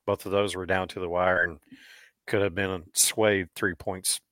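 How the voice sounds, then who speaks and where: A man's voice: deep voice, flat delivery, unhurried, fairly bright tone. A man with a Missouri accent co-hosting a sports podcast, chatty and laughing often as he talks. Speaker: podcast co-host. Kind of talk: casual sports chat.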